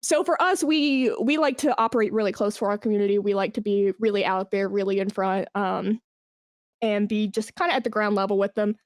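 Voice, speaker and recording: An esports brand manager, guesting on a podcast, talks informally in a conversational interview, explaining things with examples and emphasis. Her medium-pitched voice is steady and fairly quick. The sound is clean studio audio with no room sound.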